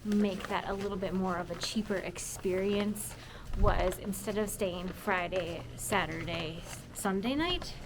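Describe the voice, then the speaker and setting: A woman's voice: medium pitch, measured pace, background noise. A woman travel vlogger chatting upbeat as she narrates her plans out on the street. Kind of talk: casual travel vlog chat. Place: outdoors on a town street.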